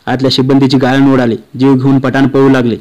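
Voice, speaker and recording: Monotone man reading a novel aloud. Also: mid-range voice, fast, lo-fi sound. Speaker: audiobook reader.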